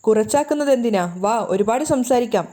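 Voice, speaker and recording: A headstrong woman who pushes and challenges, never backing down, as a woman narrator puts her on. The delivery is rapid and slightly high, with a warm, mellow tone. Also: lightly acted. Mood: cheerful. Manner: pushy, challenging. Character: bold, defiant woman in a secret affair.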